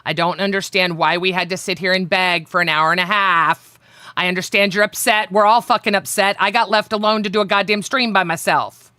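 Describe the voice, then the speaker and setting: Blunt fed-up woman on a stream, bright voice, dry close sound. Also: medium pitch, steady tone, a little fast, no echo. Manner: blunt, exasperated. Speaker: livestream co-host. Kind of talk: heated livestream chat.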